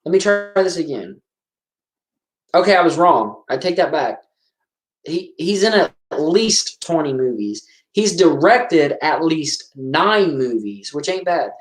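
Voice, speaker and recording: A man's voice: fairly high pitch, very animated, takes it slowly. A man hosting a casual live-stream movie commentary, chatty and rambling, often correcting himself as he talks. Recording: roomy echo.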